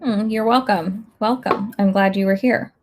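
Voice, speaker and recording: A woman instructor casually chatting on a livestream, a bit hoarse as she loses her voice, thinking aloud with lots of fillers. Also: mid-range voice, steady tone, normal speed, background noise. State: slightly hoarse, losing her voice. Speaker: online instructor.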